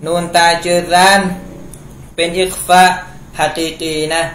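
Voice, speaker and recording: A man's voice: high voice, level tone, slow pace, fairly bright tone. Man teaching Quran recitation. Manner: recites a phrase, then explains pronunciation rules patiently. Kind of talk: step-by-step recitation lesson. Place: room at home. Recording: echoey room with faint noise.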